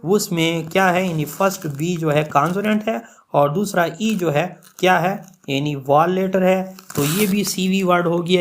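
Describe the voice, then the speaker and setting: A man explaining English pronunciation rules in an online lecture, mixing with English and reading the English rules slowly, word by word. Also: on the high side, a little hiss or hum. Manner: explains in Urdu-Hindi, reads English rules slowly word by word, repeats "yani" often.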